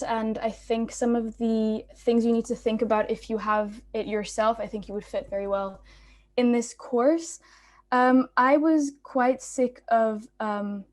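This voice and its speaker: A woman's voice: on the high side, darkish tone. A young woman from Belgium, a student speaker, giving a casual, informal talk on a video call with many ums and restarts. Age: young adult.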